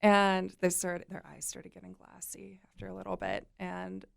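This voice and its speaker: A young woman chatting upbeat and friendly as an interview guest, quick to laugh. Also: on the low side, level tone, vocal fry, dry recording, studio quality. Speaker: guest, nonprofit communications coordinator. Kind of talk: casual interview chat.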